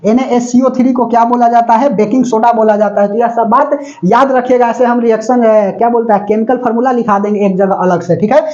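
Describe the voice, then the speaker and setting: A man's voice: extremely high pitch, steady tone, a little fast, darkish tone, highs cut off. A man lecturing on chemistry, quizzing students with constant questions and joking everyday examples. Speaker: chemistry teacher. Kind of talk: classroom lecture.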